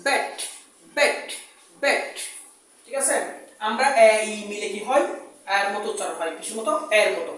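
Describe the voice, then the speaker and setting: A woman's voice: on the high side, heavy reverb, distant mic, low-quality recording. A woman teaching English pronunciation in a classroom style, repeating example words and asking and answering her own questions.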